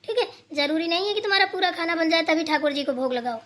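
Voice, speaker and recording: A woman's voice: extremely high pitch, expressive, quick pace, a bit bright. A woman voicing a stern, bossy older mother-in-law in a cartoon, scolding and lecturing her daughter-in-law. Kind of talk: cartoon voice acting.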